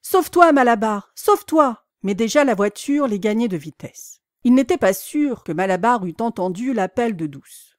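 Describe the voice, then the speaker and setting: A woman narrating a classic novel as an audiobook in a measured, dramatic storytelling manner. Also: fairly high pitch, mellow, dry recording, clean studio sound. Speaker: audiobook reader.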